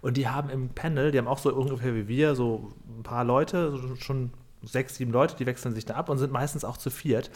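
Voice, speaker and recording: A man's voice: mid-range voice, a little fast. A man on a podcast panel in casual chat, rambling through opinionated complaints.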